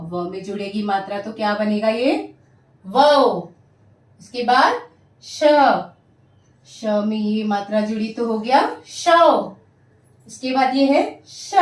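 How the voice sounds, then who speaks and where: A woman teaches in a fairly high voice, drawing out each syllable slowly and calling it out clearly for pupils to repeat. She sounds set back from the mic, and the room adds a noticeable echo. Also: far from the mic. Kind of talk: Hindi vowel-sign lesson for children.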